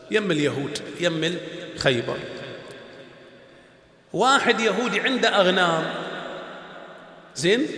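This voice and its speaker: A man preaching a sermon, telling the story with rhetorical questions and rising to near-shouts. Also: fairly high pitch. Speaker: shaykh preaching. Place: large prayer hall. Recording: echoey hall with long reverb.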